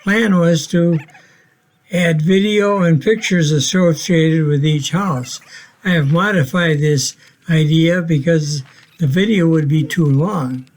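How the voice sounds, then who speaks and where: An elderly man in his eighties from Minnesota narrates a family home video. He talks slowly and plainly, with a dry wit, and his voice sits a touch high for a man. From Minnesota, USA. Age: 80s. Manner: plainspoken, matter-of-fact with dry humor.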